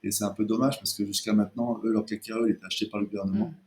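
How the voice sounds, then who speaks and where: A man's voice: on the low side, little pitch movement, very fast, a little mellow, a little hiss or hum. A man, co-founder of a chocolate brand, talking casually as a guest in an interview, hesitant and full of restarts. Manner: hesitant, many restarts and fillers.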